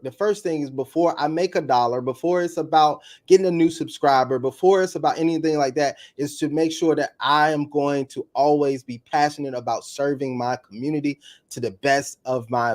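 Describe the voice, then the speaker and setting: Guy coaching youtubers, kinda high voice, talks quick and gets all fired up. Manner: energetic, fast bursts of enthusiasm. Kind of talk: casual interview talk.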